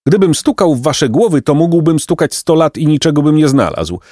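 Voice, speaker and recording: A sharp-tongued storybook woodpecker with a raised, bouncing voice fires off quick, mocking comebacks, performed by a male narrator. The recording is close and dry. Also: a little high, animated, no echo, voice pushed up, lightly acted.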